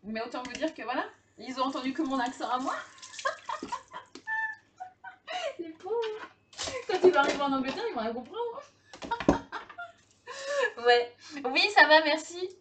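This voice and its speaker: A woman's voice: high-pitched, sing-song, a little slow, pauses often, heavy background noise. A woman in her thirties hosting a live cooking stream, chatting casually with viewers, laughing often and full of fillers and restarts. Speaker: livestream host cooking.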